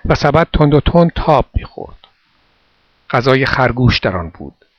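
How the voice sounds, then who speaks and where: Man calmly narrating a storybook. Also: mid-range voice, dry recording. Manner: calm, measured reading. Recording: dull dry recording.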